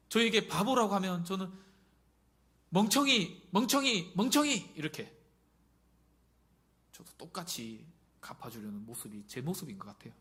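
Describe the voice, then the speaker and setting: A middle-aged pastor preaching in a chatty, personal way and often turning to the congregation with questions. His voice sits a little higher than most men's. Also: fairly bright tone. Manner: conversational, asks the congregation questions. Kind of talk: sermon.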